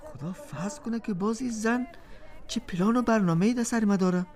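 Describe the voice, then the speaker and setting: A woman's voice: mid-range voice, crowd noise, close to an everyday voice. A woman voicing a flustered accused husband. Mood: exasperated. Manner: exasperated, pleading.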